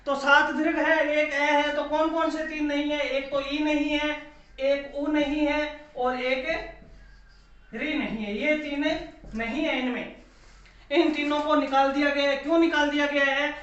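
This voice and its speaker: A high-pitched man lectures slowly, repeating each point and answering his own questions. His voice sounds bright and clear. The recording is dull and lo-fi, with heavy echo from the classroom. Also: level tone. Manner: drawls long vowels to demonstrate. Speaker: teacher. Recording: echoey room, dull lo-fi sound.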